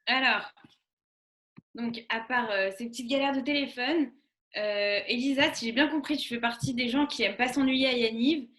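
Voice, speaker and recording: A young woman with a high voice co-hosts a radio show. She introduces a guest and leads her with playful, lively questions. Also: normal speed. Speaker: co-host, columnist. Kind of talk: radio segment, leading an interview.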